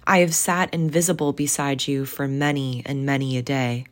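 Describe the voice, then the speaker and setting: A woman's voice: very deep voice, fairly even intonation, normal speed. A woman reading aloud and voicing the mournful ghost of an old businessman, solemn and warning. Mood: urgent. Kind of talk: storybook reading.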